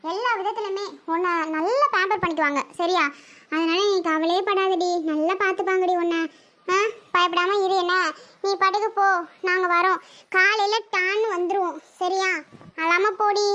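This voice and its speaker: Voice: extremely high pitch, steady tone, moderate pace, sharp tone. A performer voicing a female friend who coaxes and comforts a crying bride. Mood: soothing. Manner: soothing, coaxing.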